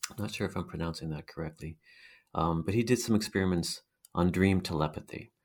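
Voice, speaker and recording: Middle aged guy being interviewed, hypnotic low voice w some gravelly fry, conversational. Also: fairly quick. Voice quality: hypnotic, mesmerizing voice. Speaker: guest, consciousness researcher.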